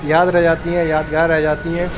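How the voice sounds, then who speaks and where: A man's voice: fairly high pitch, flat delivery, brisk, music in the background. A man, chatting enthusiastically to camera as a food vlog host, recorded on a phone at arm's length. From Pakistan. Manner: upbeat, enthusiastic, chatty, addressing the viewer. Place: outdoors at a bakery courtyard, in a car and at a street stall. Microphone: phone held at arm's length.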